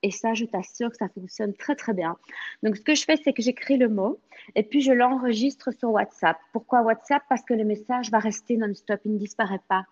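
A woman who teaches French, talking casually on a podcast, with a strong foreign accent. She laughs often and talks in a lively way. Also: fairly high pitch, normal speed, highs cut off. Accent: strong non-native French accent.

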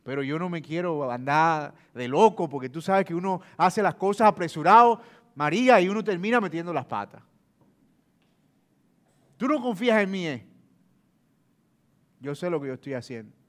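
A man's voice: on the high side, animated, moderate pace, pauses often, lightly acted. A man voicing a defensive, sarcastic husband in a money argument, full of indignant retorts.

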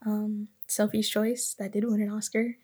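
A woman's voice: medium pitch, little pitch movement, normal speed, a little mellow, slightly rough. A woman co-hosting a podcast in casual chat, rambling and correcting herself as she gives vibes-based opinions. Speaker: podcast co-host.

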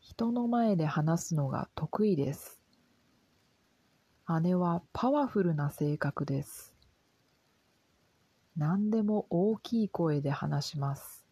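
A soft-spoken woman reading a simple lesson for language learners in a calm, gentle, careful way. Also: on the low side, slow pace, pauses often, husky, dry recording, low-quality recording. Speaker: Japanese language teacher.

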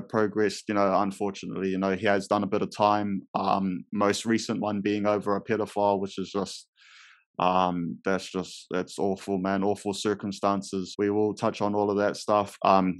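Here a fairly low-pitched podcast host conducts a relaxed, casual interview, recorded dry. He keeps calling the guest bro and brother and leans heavily on um to fill pauses.

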